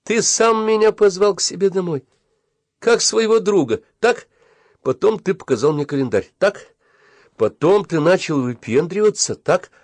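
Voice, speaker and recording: A man's voice: sing-song, moderate pace, darkish tone, breathy edge, no echo. A man reading an audiobook and voicing an anxious, pleading schoolboy in a raised voice. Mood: indignant. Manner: high, pleading, near tears. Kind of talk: audiobook character voice.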